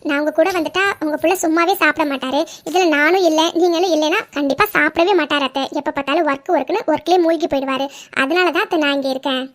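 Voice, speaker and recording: A woman's voice: sits high, fast, few pauses, fairly bright tone. A woman voicing a caring, polite young daughter-in-law in a cartoon. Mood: reassuring. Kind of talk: cartoon voice acting.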